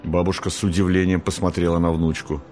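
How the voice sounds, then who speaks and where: A male audiobook narrator with a very deep voice reads in a calm, even way. Soft music runs faintly underneath the reading. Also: fairly quick.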